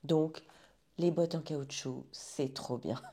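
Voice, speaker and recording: A woman's voice: sits low, takes it slowly, warm tone, breathy edge. A woman talking casually to her viewers about knitting, chatty and rambling, with frequent restarts. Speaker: knitting vlogger.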